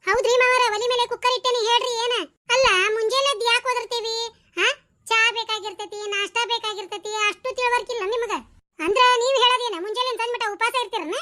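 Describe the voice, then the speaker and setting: A woman doing a squeaky, sassy young daughter-in-law. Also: bright, forceful tone. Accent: North Karnataka Kannada. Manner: argumentative, sarcastic back-talk. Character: cheeky young village daughter-in-law, defiant. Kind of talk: cartoon comedy voice acting.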